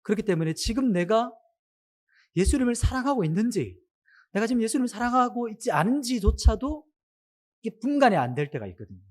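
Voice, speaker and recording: Animated Korean preacher, higher-pitched man. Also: a little fast. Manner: asks the congregation many questions, animated rise and fall. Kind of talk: sermon.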